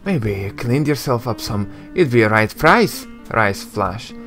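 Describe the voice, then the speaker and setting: A man's voice: medium pitch, big pitch swings, a little slow, fairly bright tone, soft background music. A man putting on a sarcastic young tiefling woman. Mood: teasing. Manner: mocking, teasing lilt.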